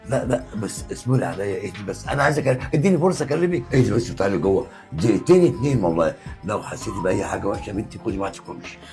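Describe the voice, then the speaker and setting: An actor playing a pleading older father who coaxes a young woman to come inside, insistent but gentle. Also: fairly low pitch, animated, racing, soft background music. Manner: coaxing, insistent. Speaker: old father.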